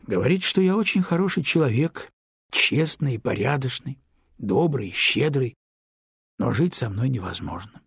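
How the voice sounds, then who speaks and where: A man doing a dejected man in an audiobook, talking low and held back to an old friend. The voice is gravelly with vocal fry and very husky, close and dry. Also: expressive, fairly bright tone, dry recording, exaggerated voice. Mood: subdued. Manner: low, subdued, measured. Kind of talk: audiobook character reading.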